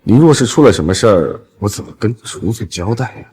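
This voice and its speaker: An actor playing a middle-aged chamber president who fawns over his boss and blusters at others, with a husky voice. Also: fairly low pitch, expressive, quick pace, a little mellow. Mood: placating. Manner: obsequious to superiors, blustering to others.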